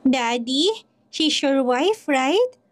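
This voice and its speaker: A woman voicing a small, tearful and hurt boy who speaks slowly and plaintively. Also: high-pitched, expressive, heavily acted.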